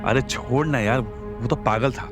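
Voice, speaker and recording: A man's voice: mid-range voice, measured pace, music in the background, close to an everyday voice. A man doing a cocky dismissive young guy. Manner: brushing off worries, casual, teasing. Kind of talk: horror audio drama.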